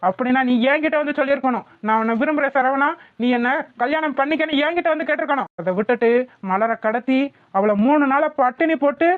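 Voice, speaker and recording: An unforgiving young cartoon man who keeps hurling accusations, voiced by a voice actor. He sounds heated and sharp. The audio is tinny, phone-like and dry. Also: sits high, quick pace, no echo, natural voice. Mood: angry.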